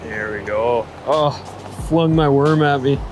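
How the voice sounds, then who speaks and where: A man, chatting excitedly to viewers while fishing on a riverbank, recorded on a head-mounted action camera. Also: mid-range voice, takes it slowly, background noise. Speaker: fishing vlogger. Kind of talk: casual fishing vlog commentary. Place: outdoors on a riverbank and lakeshore.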